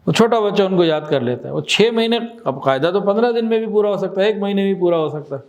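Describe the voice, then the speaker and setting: A man with a fairly high voice gives a religious talk. He explains with everyday examples, puts questions to his listeners and says key phrases again slowly for emphasis. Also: lively intonation, a little mellow, muffled recording. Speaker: Islamic teacher.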